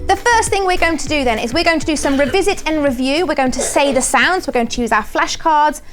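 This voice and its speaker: High-voiced southern English woman teaching. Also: music in the background. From Berkshire, England. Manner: slow, clear modelling of letter sounds. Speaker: phonics teacher. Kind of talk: classroom teaching with commentary.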